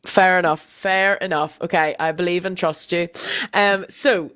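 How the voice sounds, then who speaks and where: A woman's voice: lowish voice, steady tone, fairly bright tone, clean tone. Playful young woman podcast co-host. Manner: playful, self-mocking, quick restarts. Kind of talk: casual chat.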